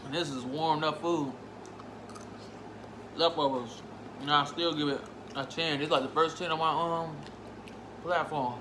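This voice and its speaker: A man's voice: a little high, fairly even intonation, measured pace, long pauses. Casual man reviewing food, echoey noisy room. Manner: informal, savoring with frequent appreciative mm sounds. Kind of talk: casual food review vlog, eating while talking. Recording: roomy, echoey, clearly noisy home recording.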